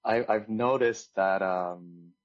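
A man's voice: low voice, slow, dry recording, highs cut off. A man from Korea, a guest speaking in a polite, earnest way. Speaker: panel guest. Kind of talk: casual conversation.

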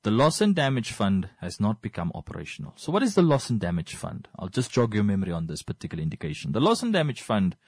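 Male commentator, Namibian accent, lowish voice, dry close sound. Informal but wordy explainer, halting, circles back on phrases. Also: wildly swooping pitch, no echo. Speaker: current affairs commentator.

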